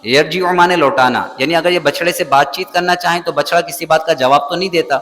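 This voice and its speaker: A man from Pakistan teaching a Quran lesson in a mosque, with a slightly high voice for a man. He chants each verse in a melodic recitation, then shifts into plain explanation. His voice rings in a long hall reverb, with faint music underneath. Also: a bit bright. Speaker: Islamic scholar teaching the Quran.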